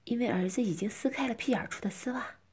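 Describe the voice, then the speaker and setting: A woman's voice: fairly high pitch, fast talker, darkish tone, slightly rough. A middle-aged woman narrating a first-person story as whispered role-play, coy and often dropping into a whisper.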